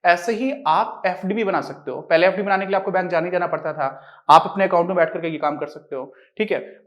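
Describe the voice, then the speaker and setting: A man's voice: high voice, highs cut off. A man teaching a class, explaining in a casual, conversational way and answering his own questions as he goes.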